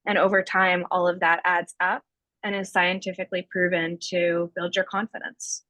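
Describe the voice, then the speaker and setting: A woman's voice: fairly low pitch, little pitch movement, moderate pace, pushed and bright, no room sound, rough recording. A woman speaking on a panel in an online call, giving informal explanatory advice.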